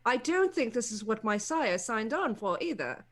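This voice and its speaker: A woman playing a young vampire fledgling in a tabletop game, halting and carefully holding her composure. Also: fairly high pitch, very animated, fairly bright tone. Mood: upset, restrained. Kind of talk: tabletop role-play acting.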